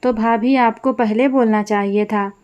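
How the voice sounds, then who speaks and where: A woman's voice: a little high, fairly even intonation, a little slow, close to an everyday voice. Meek pleading young daughter, read by a woman. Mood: defensive. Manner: pleading, gentle.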